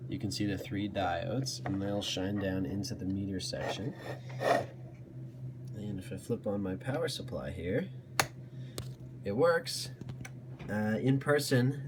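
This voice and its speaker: Hosting a do-it-yourself tutorial, a man with a fairly low voice explains each step plainly and casually as he works. His homemade hobby video is clearly noisy, with some clicking in the background.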